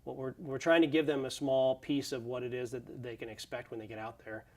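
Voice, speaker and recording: A man, a fire academy instructor, explaining the recruits' training in an interview in a steady way with frequent fillers. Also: medium pitch, brisk. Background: background music.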